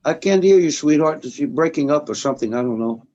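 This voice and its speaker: A man's voice: a little high, animated, fast, crowd noise. A musician, a man, chatting on a video call that cuts out, his audio glitchy and lo-fi. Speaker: musician paying tribute. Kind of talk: casual talk on a video call.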